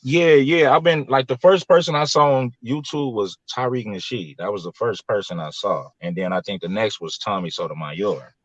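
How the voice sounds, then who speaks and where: He speaks at a moderate pace with few pauses, his pitch fairly low, captured in dry, dull audio. An American from Los Angeles, California, around his late thirties (30s or early 40s), he's a YouTube creator appearing as a guest, talking casually, rambling, and often repeating himself.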